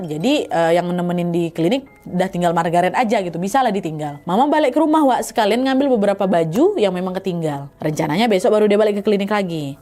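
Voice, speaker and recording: Fast, animated woman telling a horror story. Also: medium pitch. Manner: chatty, dramatic, addresses listeners directly. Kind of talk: casual spoken horror storytelling.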